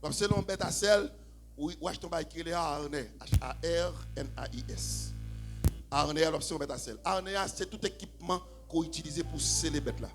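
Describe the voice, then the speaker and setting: Gravelly high-voiced Haitian pastor. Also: male voice, normal speed, music in the background. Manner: swings from low, quiet talk to shouted, half-sung preaching. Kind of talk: sermon. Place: church. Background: faint keyboard.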